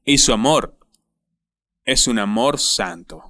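A man preaching a sermon in a deliberate, emphatic way, dwelling on repeated words. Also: mid-range voice, animated, sharp tone, no room sound, clean studio sound. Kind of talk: sermon voice-over.

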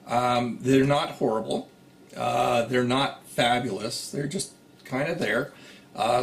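A middle-aged man hosting a casual food review at home. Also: mid-range voice. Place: small room at home, on a couch. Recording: clearly noisy room recording.

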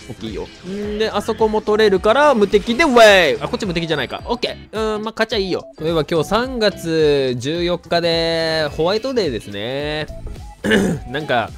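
A man giving chatty, excitable gameplay commentary as a gaming YouTuber, his voice a little nasal and hoarse from a cold. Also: on the high side. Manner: chatty, excitable, breaks into shouts while playing.

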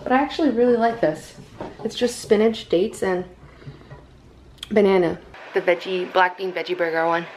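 A woman's voice: medium pitch, steady tone, normal speed, long pauses, a little mellow, a little hiss or hum, rough recording. Chatty young woman vlogging her day. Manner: chatty, rambling, many "like" and "um" fillers. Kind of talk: casual daily vlog narration.

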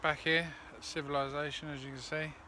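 A man's voice: on the high side, flat delivery, brisk, sharp tone. Rambling man vlogging outdoors. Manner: rambling, many ums, chatty. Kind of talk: casual vlog narration. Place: woodland campsite and path outdoors. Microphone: phone camera held at arm's length. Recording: outdoor phone audio with clear background noise.

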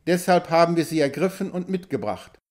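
A man reading as a calm, clever frontier hunter. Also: fairly high pitch, natural voice. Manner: calm, measured reasoning.

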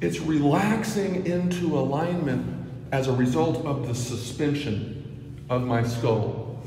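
A movement instructor in his thirties walks through a stairwell inside a building, demonstrating a practice to a phone camera held at arm's length. His voice is fairly high and dark-toned with vocal fry, slow and drawn out, with murmured asides that drop to a near whisper. The stairwell echoes, and the ambience is noisy.

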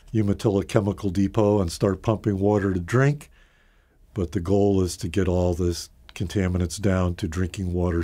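A man's voice: low-pitched, mellow. A man, a professor, explaining his research plainly in an interview. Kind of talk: interview answers.

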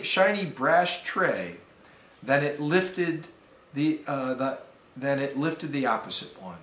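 A man, a deacon, reading a fable aloud to students in a careful, measured storytelling manner. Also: medium pitch, fairly bright tone. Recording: roomy echo.

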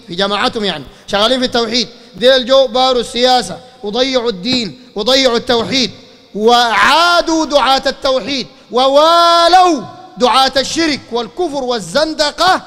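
Male preacher, Sudanese Arabic accent, very high voice, fiery lecture with rhetorical questions, long hall reverb. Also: quick pace, sharp tone. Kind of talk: impassioned religious lecture.

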